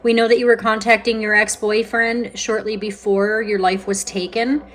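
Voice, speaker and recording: A woman's voice: medium pitch, level tone, moderate pace. Woman hosting a paranormal session, casual. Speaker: host of a paranormal spirit box session. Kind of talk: casual commentary and questioning aloud.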